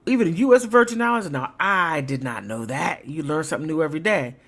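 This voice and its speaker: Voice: medium pitch, lively intonation, fast, a bit bright. A livestream host giving rambling, emphatic political commentary in a casual way, sometimes laughing mid-sentence.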